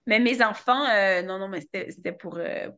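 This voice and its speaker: A woman's voice: mid-range voice, normal speed, pushed and bright, dull audio. A woman host with a French accent from France, chatting playfully in an interview and joking about herself. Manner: chatty, playful, self-mocking. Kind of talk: casual interview chat.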